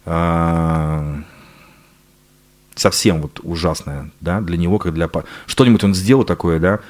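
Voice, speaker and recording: Deep-voiced man hosting a radio interview. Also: steady tone, unhurried, darkish tone. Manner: playful, teasing questions. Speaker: radio host. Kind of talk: studio interview. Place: radio studio.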